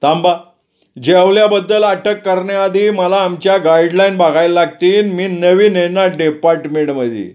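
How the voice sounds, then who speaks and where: Brief: male reader as blank-faced new policeman, higher than the narration. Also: close to an everyday voice. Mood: deadpan. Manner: slow, deadpan. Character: slow, unflappable young male policeman.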